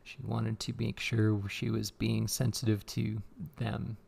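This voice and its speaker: A man hosts a podcast in an easy, casual way. His voice has a noticeable fry and stays fairly level in pitch. He sounds like he is talking or reading to listeners from inside a church. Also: monotone, a little slow, darkish tone. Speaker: podcast co-host. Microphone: good podcast microphone.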